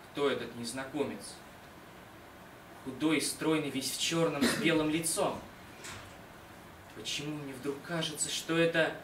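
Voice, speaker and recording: A young man playing a dreamy, lovelorn, modest scholar in an expressive, dramatic declamation of a stage monologue, with deliberate pauses. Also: on the high side. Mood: anxious, lovelorn. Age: young adult. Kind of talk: dramatic declamation, theatrical literary monologue recitation. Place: small indoor concert hall stage. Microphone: far camera. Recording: roomy, distant mic, noisy hall.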